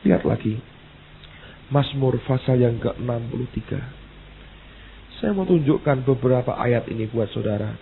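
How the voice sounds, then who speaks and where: A male pastor preaching an emphatic sermon, repeating exclamations and reading verses slowly. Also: mid-range voice, gravelly. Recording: tinny phone-like sound with faint hiss.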